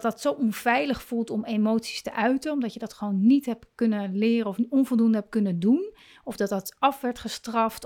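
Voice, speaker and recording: A woman hosting a parenting podcast, talking in a gentle, coaching way and often rephrasing herself mid-sentence. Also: fairly high pitch. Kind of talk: reflective solo podcast talk.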